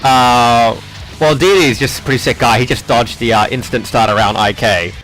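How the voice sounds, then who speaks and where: A man's voice: medium pitch, moderate pace, a bit bright, soft background music, poor audio. Laid-back slangy male game commentator. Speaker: esports commentator. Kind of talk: casual co-commentary.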